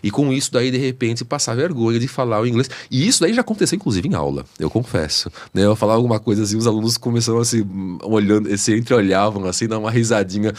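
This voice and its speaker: A man's voice: on the low side, fast talker, hardly any pauses, darkish tone. A Brazilian man hosting an interview, talking hesitantly and adding tag questions after almost every phrase. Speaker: host and teacher.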